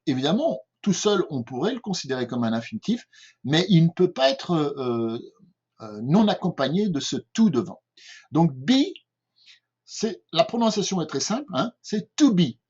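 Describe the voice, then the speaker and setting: A man's voice: a little high, a little mellow, husky. An older man from France with a French accent, giving a patient home-made language lesson and often checking in with his listeners. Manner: patient, repeats himself, often checks with "d'accord?". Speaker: English teacher. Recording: dull lo-fi recording.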